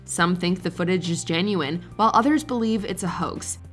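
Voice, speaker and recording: A woman reading a scripted countdown narration in an even, measured way. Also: lowish voice, soft background music.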